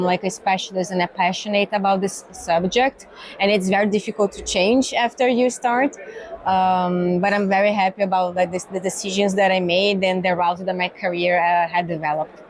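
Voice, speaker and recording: The audio is poor, carrying a mid-range woman's voice. She is a pharma cargo executive from Brazil with a Brazilian Portuguese accent, interviewed as a guest in an exhibition hall, answering thoughtfully with lots of fillers and a habit of closing points with "right?".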